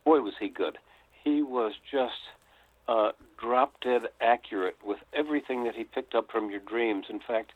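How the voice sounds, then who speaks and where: An older man from the United States, a guest author telling a story reflectively with frequent pauses, heard over a tinny phone line. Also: mid-range voice, no room sound. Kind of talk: storytelling interview.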